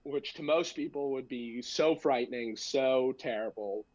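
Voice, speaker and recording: A man's voice: mid-range voice, a little slow, darkish tone, dry recording, highs cut off. Casual young American man telling stories. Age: young adult. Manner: self-deprecating, joking, slangy. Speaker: guest, amateur stand-up comedian. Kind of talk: casual podcast storytelling.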